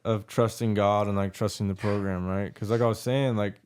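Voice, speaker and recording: A man's voice: on the low side, fairly even intonation, fairly quick, darkish tone, smooth. A man hosting a recovery podcast, affirming and encouraging his guest in casual conversation. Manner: encouraging, affirming, many yeahs. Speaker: podcast host. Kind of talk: casual interview chat.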